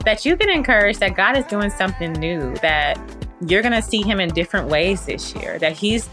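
Earnest low-voiced woman podcast host. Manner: earnest, conversational, many fillers. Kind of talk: faith podcast talk.

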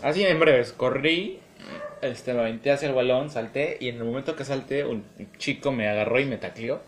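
A man's voice: mid-range voice, moderate pace, a little hiss or hum. A young man with a Mexican accent, co-hosting a casual podcast and telling stories with plenty of laughter. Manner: laughing, animated storytelling. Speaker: podcast co-host. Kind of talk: casual chat, storytelling.

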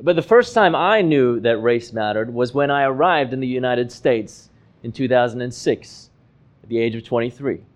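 A man in his thirties from Hong Kong, a pastor giving a measured, earnest, reflective sermon. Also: mid-range voice, lively intonation. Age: 30s.

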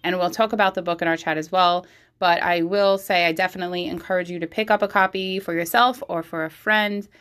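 A woman's voice: on the low side, steady tone, brisk, a bit bright. Woman hosting from a home bathroom. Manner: enthusiastic. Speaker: podcast host. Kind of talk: casual podcast intro.

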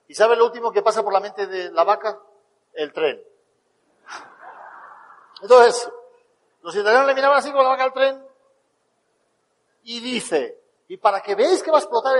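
A man with a Spain Spanish accent giving a motivational talk, telling animated stories and acting out the dialogue. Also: sits high, big-room sound, poor audio. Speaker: motivational speaker.

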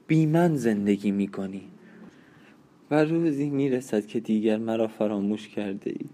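A man's voice: on the low side, dark tone, natural voice. A man voicing a dying old woman, bitter and accusing, in an audiobook reading.

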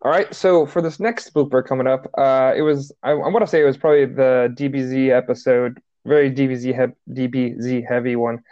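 A man's voice: mid-range voice, steady tone, a little fast, few pauses, mellow, no echo, lo-fi sound. A man co-hosting a podcast, rambling through stories with lots of fillers. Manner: rambling, filler-heavy storytelling. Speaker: podcast co-host. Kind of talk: casual chat.

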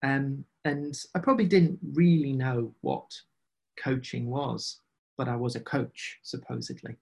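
A man's voice: medium pitch, fairly even intonation, unhurried, vocal fry, a little mellow, husky. A man in casual, reflective conversation as an interview guest, speaking hesitantly and often repeating phrases as he goes. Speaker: podcast guest, agile coach.

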